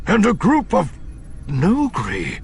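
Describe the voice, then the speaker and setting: A man's voice: sits high, wildly swooping pitch, slow pace, gravelly, pitched above the performer's own voice, full character voice. A man voicing an alarmed male starship captain in an audiobook, delivering an urgent, raised report over music. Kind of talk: audiobook reading.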